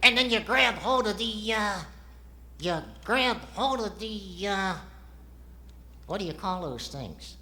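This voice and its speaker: Squeaky boy ventriloquist dummy, cheeky and naive, bright, swooping delivery for stage comedy. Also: lively intonation, takes it slowly, heavily acted. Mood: earnest, cheeky. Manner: cheeky, naive comic answers.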